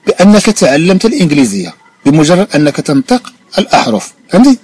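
Teaching a language lesson in a Moroccan Arabic accent, he reads every phrase slowly, explains it and makes sure the listener followed. The voice is a little high and sing-song, a little mellow with a breathy edge.

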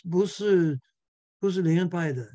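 Man, pastor, Bible class lecture, high voice, mellow tone, dry close sound, chuckles and restarts often. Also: unhurried, no echo, lo-fi sound. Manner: chuckles often, repeats words while searching for them.

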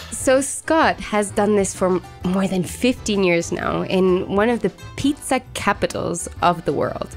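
A woman's voice: medium pitch, lively intonation, slow pace, faint music behind. A woman hosting a podcast, chatting in a playful, casual way. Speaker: podcast host.

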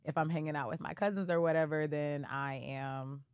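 A young adult woman from Kansas City speaking as a podcast guest, measured and candid, with frequent fillers. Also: sits low, fairly even intonation, clear, resonant tone, no room sound, studio quality. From Kansas City, Missouri, USA. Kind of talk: candid interview talk.

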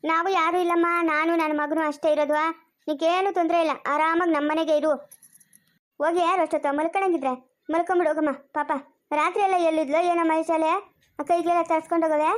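A woman's voice: very high-pitched, level tone, fast talker. A woman playing a kind village mother who soothes and coaxes, in a home-made family skit. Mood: coaxing. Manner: soothing, then grumbling under her breath.

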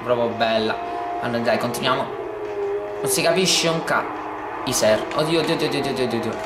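A man commentating his racing game let's play, excitable and swearing often, talking over the game sounds. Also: medium pitch, fairly quick. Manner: says he talks oddly when excited on video. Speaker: gameplay video host. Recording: echoey room with loud game music.

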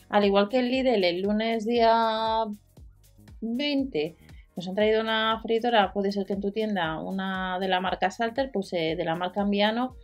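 Woman reading out store deals. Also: mid-range voice. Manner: listing prices and specs with fillers. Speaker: deals channel host. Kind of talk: product rundown voice-over. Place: voice-over over screen recording.

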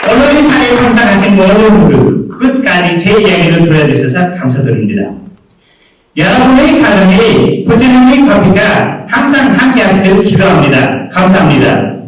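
A man's voice: high voice, big pitch swings, moderate pace, a loud crowd. Man, Nepali accent, earnest rehearsed public speaking, emphatic, very reverberant room, noisy recording. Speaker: speech contest contestant. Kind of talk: rehearsed public speech, declaiming. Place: indoor event hall. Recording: echoey hall, distant mic, noisy with clicks.

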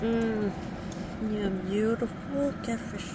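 Heavy background noise surrounds a Vietnamese vlogger with a fairly high voice who speaks slowly. A native speaker of Vietnamese, she laughs often while chatting casually to her viewers as she fishes by a river at night.

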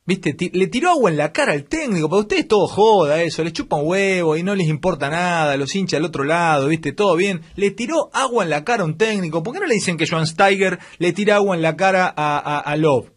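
A man's voice: high-pitched, lively intonation, brisk, few pauses. A worn-out man with an Argentine accent, hosting a radio show, ranting bluntly and fierily in a heated football debate. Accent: Argentine Spanish. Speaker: radio host.

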